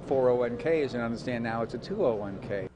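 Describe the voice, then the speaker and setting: A man's voice: medium pitch, expressive, fast, lo-fi sound. A man, a store owner giving a wry, conversational interview soundbite outdoors on a city street. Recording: clear outdoor street noise.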